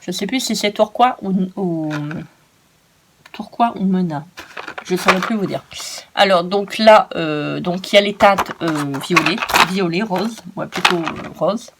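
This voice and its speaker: A woman's voice: on the low side, unhurried, background noise. A woman chatting casually as a vlogger, showing off her craft-shop purchases in a playful, joking way. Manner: chatty and playful, often scolds herself jokingly. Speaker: craft shopping-haul vlogger.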